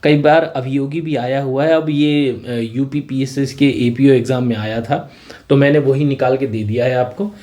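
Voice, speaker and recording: Teacher, mellow voice. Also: male voice, medium pitch, steady tone, normal speed. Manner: explains patiently, often adds a tag question to check understanding. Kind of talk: exam-prep vocabulary lesson.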